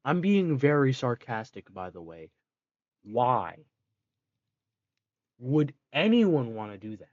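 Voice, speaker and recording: A man's voice: medium pitch, very animated, takes it slowly, long pauses, darkish tone, dry recording, lo-fi sound. A man giving casual gameplay commentary, rambling, correcting himself mid-sentence and dropping sarcastic asides. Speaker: let's play gamer.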